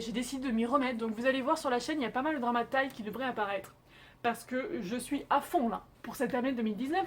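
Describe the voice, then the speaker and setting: Chatty high-voiced woman reviewing dramas. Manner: chatty, emphatic, frequent "euh" fillers. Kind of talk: casual spoken review.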